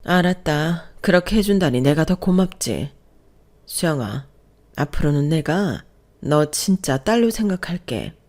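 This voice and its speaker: A woman's voice: low voice, animated, a little slow, darkish tone. A woman voicing a stern, generous older mother-in-law in a radio story reading, firm and plain-spoken.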